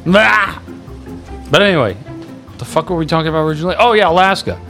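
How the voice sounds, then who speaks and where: A man's voice: fairly high pitch, animated, quick pace, vocal fry, sharp tone, faint music behind. A young man in a rowdy frat-bro manner, swearing and using slang as he chats casually with friends. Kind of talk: casual chat among friends.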